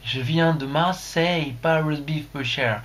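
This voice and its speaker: A man voicing an Englishman who speaks French slowly and haltingly with a put-on English accent. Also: on the high side, fairly bright tone. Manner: slow, halting, drawn-out words.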